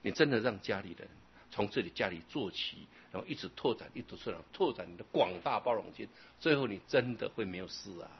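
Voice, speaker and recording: A man's voice: fairly low pitch, lively intonation, fast, slightly rough. A man giving a Buddhist dharma talk, emphatic and full of rhetorical questions. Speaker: Buddhist teacher. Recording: muffled lo-fi recording.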